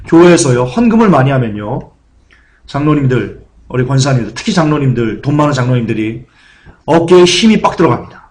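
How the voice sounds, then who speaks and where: A man's voice: mid-range voice, very animated, a little fast, a little mellow. A man preaching a sermon as pastor, earnest and emphatic, who acts out the grumbling of churchgoers.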